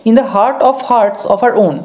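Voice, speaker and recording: Woman teacher with a warm, mellow, fairly high voice. Reads each English line slowly, then explains it quickly. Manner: patient, explanatory. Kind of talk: line-by-line text explanation lesson.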